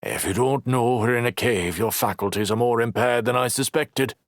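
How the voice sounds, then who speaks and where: A man narrating an audiobook voices a bitter, injured male crew leader with a rough, growling, scornful delivery. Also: medium pitch, normal speed, dry recording, clean studio sound, voice pushed up, close to an everyday voice.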